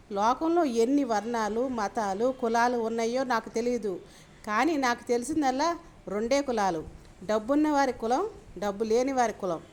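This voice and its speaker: A woman's voice: on the high side, lightly acted. A woman reading the lines of a proud, calculating rich businesswoman in a novel.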